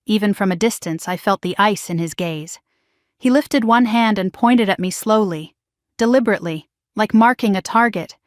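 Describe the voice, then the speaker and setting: A woman telling a first-person suspense story as scripted narration, steady and dramatic. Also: mid-range voice, moderate pace, dry recording, clean studio sound.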